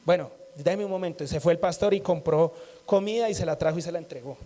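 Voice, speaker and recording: A man preaching to a congregation, his voice pitched high yet mellow and soft-edged. He talks like a conversation, repeating key phrases and tossing in light jokes. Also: quick pace. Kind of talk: sermon.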